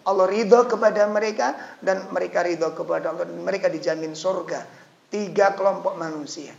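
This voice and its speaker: A man preaching an animated, joking sermon to an audience in a lecture hall. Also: high voice, a little fast, creaky. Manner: animated, joking, switching into local dialect. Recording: echoey, slightly dull lecture recording.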